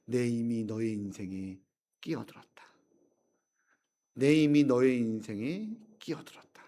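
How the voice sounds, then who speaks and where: A man's voice: high-pitched, animated, pitched above the performer's own voice. A man playing a stern Joseon queen who rebukes a nobleman, speaking firmly within a sermon story. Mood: solemn. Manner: firm, rebuking, measured.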